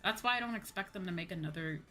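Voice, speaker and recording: With music running in the background, this female VTuber talks fast in a lowish, sharp voice, chatting casually and slangily as she games, sounding mildly exasperated.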